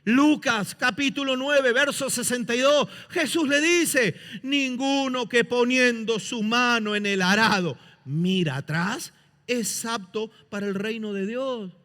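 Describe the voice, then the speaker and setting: A male pastor preaches with passion, his voice high and bright. He quotes scripture and mimics people's excuses. A long reverb rings around him in the church hall. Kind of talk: sermon. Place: church sanctuary.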